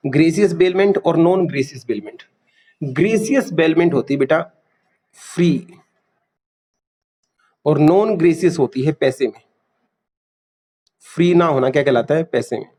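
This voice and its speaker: A man's voice: fairly high pitch, normal speed, long pauses, mellow. Man teaching a classroom lecture. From India. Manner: quizzing students, repeating key terms.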